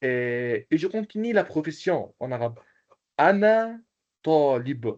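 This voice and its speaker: A man teaching an online language class, slowly repeating phrases and calling on students by name. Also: mid-range voice, animated, darkish tone, muffled recording. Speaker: Arabic teacher.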